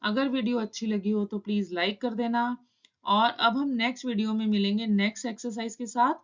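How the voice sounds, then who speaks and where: A woman teaching shorthand in a calm, step-by-step tutorial, explaining each stroke and vowel in turn. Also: on the high side, a little fast, muffled recording.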